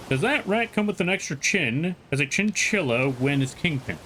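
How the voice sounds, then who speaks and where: A man gives chatty live game commentary, his voice bouncing widely up and down with a bright, forward edge. He jokes around and reads messages from chat aloud as he plays. His voice sits a little higher than most men's. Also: expressive, normal speed, slight background noise. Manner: playful, joking. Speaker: streamer.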